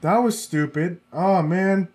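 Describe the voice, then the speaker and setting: This let's play gamer's voice is high-pitched, slow, a little mellow and husky. Congested and sniffly, he gives casual commentary on the game, muttering to himself while playing.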